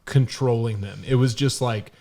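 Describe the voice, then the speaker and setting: A man's voice: mid-range voice, steady tone, moderate pace, a little mellow. A man co-hosting a casual talk podcast, talking in a rambling, storytelling way with lots of fillers. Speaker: podcast co-host. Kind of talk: casual conversation.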